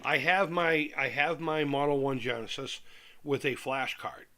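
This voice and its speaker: Bright-voiced man with toothless, lips-over-teeth diction. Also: medium pitch, unhurried, faint music behind. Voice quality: speaks over missing top teeth, slightly lisped, lips-over-teeth diction. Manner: rambling, candid, repeats himself. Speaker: livestream host. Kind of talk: casual livestream chat.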